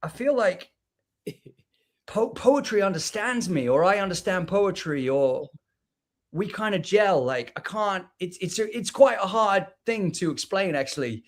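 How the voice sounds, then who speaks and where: A man with a Liverpool accent speaks at a fairly high pitch and thinks out loud as a guest in a casual interview chat. He often repeats words and restarts his sentences, talking over a video call. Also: animated, a little slow. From England. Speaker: guest poet.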